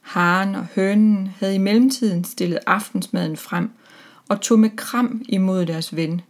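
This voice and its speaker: A woman reading a children's story aloud in a calm, even storytelling manner. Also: mid-range voice.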